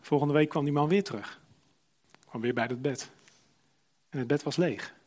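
Male preacher, husky and fairly high, tells a story in a sermon and voices its people. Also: moderate pace, darkish tone. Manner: retells a story, acting out the quoted speakers.

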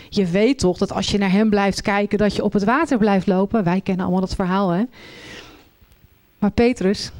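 A middle-aged woman preaching a sermon, telling Bible stories with lively voices for the figures. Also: fairly high pitch. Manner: animated storytelling, acts out voices in the reading.

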